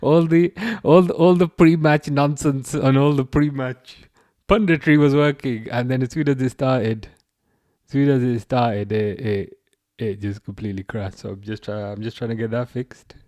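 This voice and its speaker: A young Englishman with an English accent hosts a casual football livestream, reading viewers' chat aloud and rambling with repeated words and restarts. His medium-pitched voice is steady, slightly mellow and at normal speed, captured dry in studio quality.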